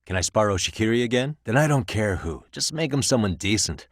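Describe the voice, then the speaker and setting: This is English video game voice acting: a man plays a cool, principled investigator with a very low voice and lively intonation. He speaks briskly, casually and earnestly, with easygoing, assured confidence. The recording is dry and close, with no room sound or echo.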